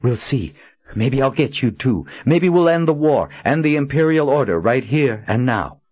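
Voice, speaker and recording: A man's voice: animated, moderate pace, no echo, lo-fi sound, natural voice. A man doing a fierce, defiant young queen. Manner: raised pitch, sharp, challenging questions. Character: fierce young queen defying her enemy.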